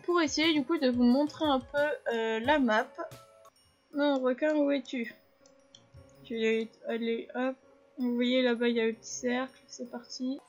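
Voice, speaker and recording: A woman with a slightly high voice talks through a video game in a relaxed, chatty way. She explains the controls to her viewers and fills the pauses with little fillers. Soft game music plays underneath. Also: highs cut off. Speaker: gaming video host. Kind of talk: casual gameplay commentary. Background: faint game music.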